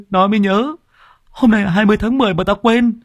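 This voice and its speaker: A man's voice: steady tone, brisk, no echo, close to an everyday voice. A man doing a sobbing heartbroken young guy. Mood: giddy. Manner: sobbing, blubbering high voice. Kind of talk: audiobook character voice.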